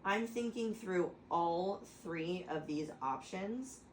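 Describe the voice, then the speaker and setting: Lady with a lowish voice rambling thru a jokey lecture, keeps restarting, faint hiss behind. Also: slow, echoey room, low-quality recording. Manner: rambling, self-interrupting, laughs often. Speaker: host explaining to friends. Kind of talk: casual chat, mock lecture.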